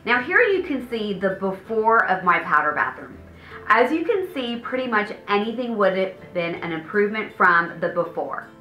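A woman in her thirties presents home design tips straight to camera in a polished, enthusiastic way. Her voice is bright and crisp. The room rings with echo, and faint music plays underneath. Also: mid-range voice, big pitch swings, normal speed. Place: indoor studio set with paneled wall.

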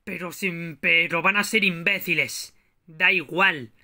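A man's voice: a little high, steady tone, unhurried, pushed and bright. A man voicing pirates in an amateur parody dub, taunting, swaggering and crude. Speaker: fan dubber voicing pirates.

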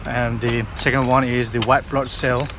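A man's voice: mid-range voice, level tone, moderate pace. A man in his thirties vlogging to a phone at arm's length outdoors and in a car, rambling with many fillers and restarts. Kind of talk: casual vlog to camera. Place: outdoors on city streets, partly in a car. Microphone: phone held at arm's length. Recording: phone recording with clear street noise. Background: street and car noise.

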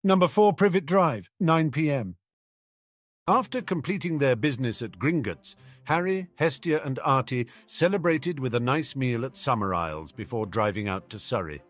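A man narrating a fan-fiction audiobook with expressive storytelling. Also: medium pitch, moderate pace, faint music behind.

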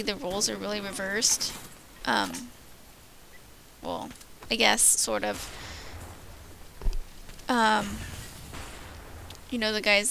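Tired, gravelly young woman rambling. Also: mid-range voice, sharp tone. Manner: rambling, filler-heavy, stumbling over words. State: sleep-deprived, tired. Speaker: gaming commentator. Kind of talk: casual gameplay commentary. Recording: noisy home recording.

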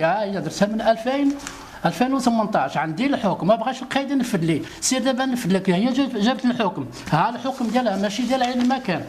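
Fast-talking pleading Moroccan man. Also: very high voice, a little hiss or hum. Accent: Moroccan Arabic. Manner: pleading, repeats himself insistently. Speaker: citizen appealing for help. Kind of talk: street interview complaint.

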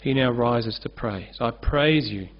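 Behind a lectern on a church stage framed by a curtain, a male pastor preaches a sermon with earnest, free gestures. His mid-range voice moves at a measured pace through the lectern microphone, in a dull, lo-fi recording.

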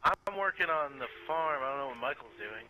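Very bright, lively young man gaming. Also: mid-range voice, fairly quick, a little hiss or hum. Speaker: let's play gamer. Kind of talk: casual gaming chat.

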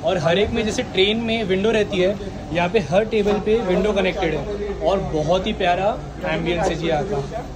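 A man's voice: high voice, moderate pace, over a noisy crowd. A young man casually vlogging about a restaurant, chatty and upbeat, asking staff questions on a phone camera. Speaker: food vlogger. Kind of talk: casual food vlog. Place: busy city street outside a railway station and inside a restaurant. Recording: crowded street noise behind.

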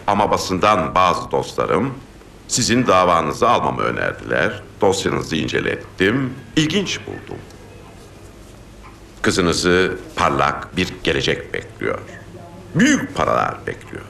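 An actor playing a self-assured lawyer who persuades a client with big promises. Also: male voice, low voice, gravelly, pushed and bright, slight background noise, heavily acted. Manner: persuasive, boastful.

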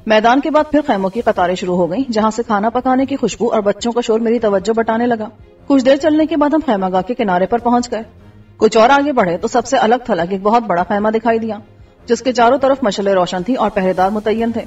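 A woman reading a first-person adventure story aloud in steady scripted narration. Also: on the high side, slightly rough. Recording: dull distant recording with faint music.

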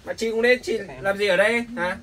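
A man's voice: sits high, fairly even intonation, a little fast, bright, forceful tone, recorded from a distance, rough recording. A man playing a stern police officer who warns a woman to behave. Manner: stern, warning. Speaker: actor in a family skit.

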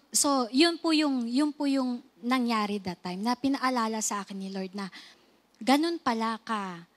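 High-voiced Filipino woman telling church stories. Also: fairly bright tone. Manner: chatty, playful storytelling with the congregation. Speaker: church speaker sharing testimony. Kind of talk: Taglish sermon testimony. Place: church sanctuary.

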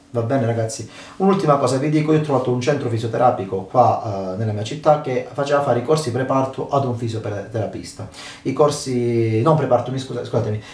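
A man's voice: mid-range voice, darkish tone, recorded from a distance. Emphatic man in an echoey room. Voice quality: emphatic, keeps checking in with listeners. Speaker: fitness channel host. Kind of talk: casual talk to camera. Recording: echoey room, voice away from mic.

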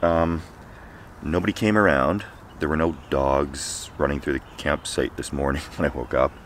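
Deep low guy in his 40s rambling to the camera while camping in the woods, dry jokes, faint outdoor noise. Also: moderate pace. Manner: dry, wry asides in a relaxed ramble. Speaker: camping vlogger. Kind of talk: casual solo camping vlog. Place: woods at night and morning, outdoors.

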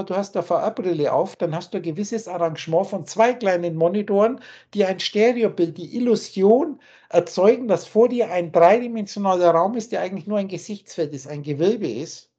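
A man's voice: high voice, dark tone, husky. Man lecturing insistently over muffled call. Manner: emphatic, insistent, repeats key points. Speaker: spiritual teacher. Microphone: video call.

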